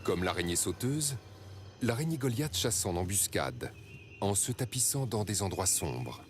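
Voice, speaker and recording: A man reading scripted nature documentary narration in a measured, dramatic storytelling way. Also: lowish voice, very animated, slight background noise.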